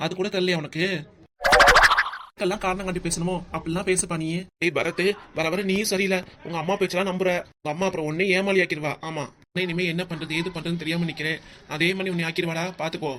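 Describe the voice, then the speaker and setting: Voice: mid-range voice, fairly even intonation, quick pace, fairly bright tone, slight background noise, natural voice. A voice actor doing a stubborn sulking husband. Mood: dismissive. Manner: blunt, dismissive. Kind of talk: cartoon comedy voice acting.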